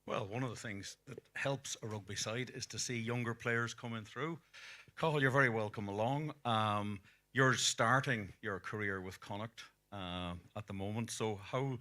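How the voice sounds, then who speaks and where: Bright-voiced man hosting sports interviews. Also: lowish voice. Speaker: interview host and rugby commentator.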